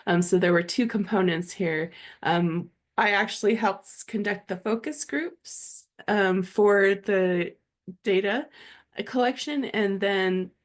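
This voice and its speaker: A woman's voice: mid-range voice, slow pace. A woman presenting a webinar session in a conversational way, with some fillers.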